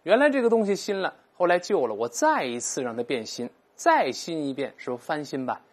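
Husky, lively teacher. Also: mid-range voice. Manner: explains patiently, repeats English words aloud slowly for learners. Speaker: English teacher. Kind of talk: recorded vocabulary lesson.

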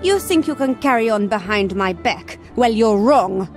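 A woman's voice: fairly high pitch, expressive, normal speed, close to an everyday voice. A woman voicing a jealous, scornful wife in an adventure game, cold and accusing. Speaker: game character. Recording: game audio with music behind.

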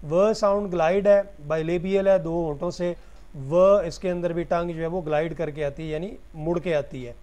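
A man's voice: a little high, fairly even intonation, normal speed, mellow. A man giving a recorded lecture, explaining each point step by step and answering his own questions.

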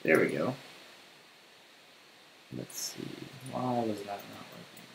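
A young man talks through a coding screencast, relaxed and thinking aloud as he types. His voice sits low. The room sounds roomy, and a faint hiss runs underneath. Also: slow pace, gravelly. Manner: casual, thinking aloud while typing. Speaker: coding tutor.

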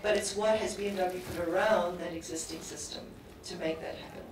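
Brisk South African woman on a panel. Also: on the low side, steady tone, music in the background. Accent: South African English. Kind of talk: panel discussion. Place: conference stage panel. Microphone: handheld mic. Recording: very echoey hall, distant, background noise.

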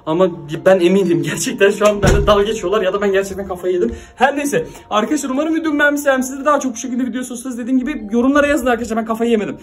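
A man's voice: very high voice, very fast, hardly any pauses. A young man vlogging from his home, talking to his viewers in a frantic, confused, exclaiming way. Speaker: YouTuber. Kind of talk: excited vlog talk to viewers.

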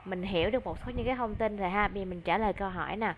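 Speaking in a mid-range voice with a Vietnamese accent, a woman tutors a child in English online. She's encouraging and slows down to model English words clearly, and the audio has its highs cut off.

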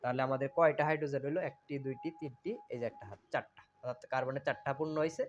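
A man's voice: medium pitch, fairly even intonation, racing, dull audio. A man teaches a chemistry lesson, asking questions and answering them himself, repeating key terms. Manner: repetitive, asks and answers own questions. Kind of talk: classroom lecture.

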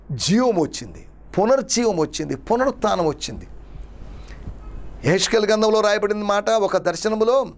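A man's voice: high voice, creaky. A man preaching a sermon as a pastor, with dramatic repetition and rhetorical questions. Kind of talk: Telugu sermon.

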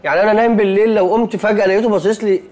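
A man's voice: high-pitched, fairly even intonation, a little mellow, natural voice. An actor playing a nervous, easily spooked young man who complains fussily, speaking Egyptian Arabic. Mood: anxious. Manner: fast, anxious, fussy complaining. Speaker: Saif, comic film character. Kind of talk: Egyptian comedy film acting.

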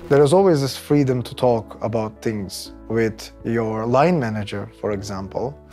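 Speaking at an unhurried pace with a dark, mid-range voice, a man from Turkey in his thirties answers interview questions as an employee in a relaxed, conversational way, his Turkish accent clear. He works as a technical project manager. Background music plays as a lapel mic picks him up in a bright office by large windows.

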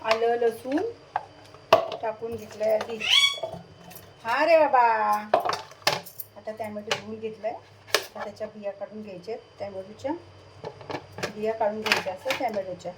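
A woman's voice: medium pitch, steady tone, moderate pace, long pauses, far from the mic. A woman cooking at home for her vlog, chatting to her pet bird and cat and scolding them in a coaxing, singsong way while she works. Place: home kitchen. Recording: loud background noise with pet cries.

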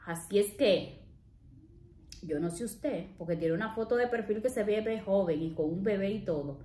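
A woman's voice: medium pitch, moderate pace, mellow, roomy sound, slight background noise. A woman, chatting casually to her viewers in a vlog and calling them her loves. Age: 30s. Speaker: vlogger.

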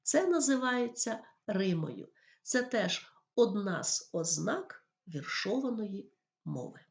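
Gravelly-voiced woman teaching poetry. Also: medium pitch, big pitch swings, slow. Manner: explains patiently, reads verse lines aloud. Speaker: literature teacher. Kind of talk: school lesson on poetry.

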